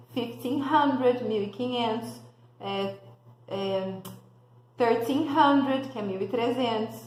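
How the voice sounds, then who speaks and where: A woman with a Brazilian accent, Portuguese her first language, teaching English numbers in a casual online lesson, slow and deliberate, repeating each one. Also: a little high, a bit bright, roomy sound, a little hiss or hum, rough recording.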